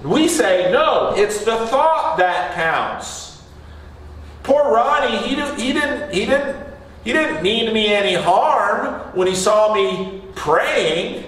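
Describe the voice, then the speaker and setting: A man preaching in a church with a fairly high voice, talking with his congregation like a conversation and stopping to put questions to them. He is picked up from a distance, so the sound rings in a very echoey hall with faint room noise behind him. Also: expressive, slow pace, fairly bright tone. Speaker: pastor. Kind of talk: sermon. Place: church sanctuary.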